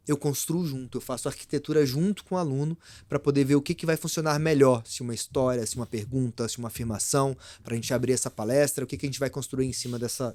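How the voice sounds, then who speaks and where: Fast-talking Brazilian man, dry close sound. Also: medium pitch, dry recording. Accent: Brazilian Portuguese. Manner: animated, varies pace and loudness for effect. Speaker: guest, speaker and speaking mentor. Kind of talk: podcast interview, explaining.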